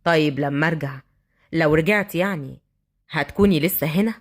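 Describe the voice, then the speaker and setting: A woman voicing a brooding young male street thug with an Egyptian accent, speaking slowly and in a hushed, menacing way. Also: low voice, pitched below the performer's own voice.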